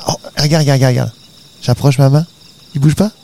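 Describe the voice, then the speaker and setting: A middle-aged man improvising an adventure story in dialogue, excitable and comically reluctant, repeating words in quick bursts. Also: a little high, gravelly, a little hiss or hum. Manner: excitable, comically reluctant, rapid word repetition.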